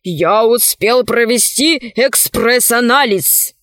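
This is a gentle storybook professor and father, as a woman narrator puts him on, speaking slowly and evenly. The voice drops a little below her own, unhurried and dry. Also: dry recording. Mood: calm. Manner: slow, measured, gently lowered voice. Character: calm, kindly male professor father.

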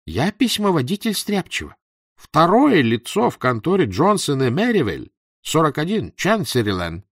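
A man reading the part of a small, grey-haired, good-natured but dull clerk who talks in a slow, earnest, self-satisfied way. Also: fairly high pitch, wildly swooping pitch, husky, no echo, studio quality, pitched above the performer's own voice, full character voice. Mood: complacent.

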